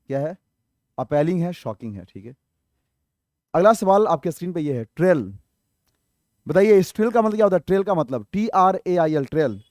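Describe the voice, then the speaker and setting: Warm in tone and sitting high, this male voice comes through clean from a studio with no echo. He's giving an exam-prep lesson on English vocabulary, explaining words, spelling some letter by letter, and answering the questions he puts to his viewers.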